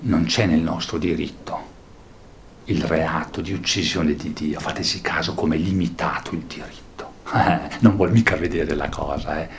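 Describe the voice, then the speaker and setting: A man giving a philosophy lecture, moving between soft, digressive asides full of questioning tags and loud, emphatic reading aloud. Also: extremely low pitch, steady tone, moderate pace, creaky, slight background noise. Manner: digressive, peppers talk with questioning "eh?".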